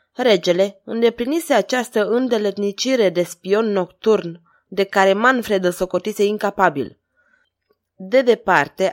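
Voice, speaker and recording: Woman reading an audiobook dramatically. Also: mid-range voice. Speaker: volunteer audiobook reader. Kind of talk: scripted audiobook narration.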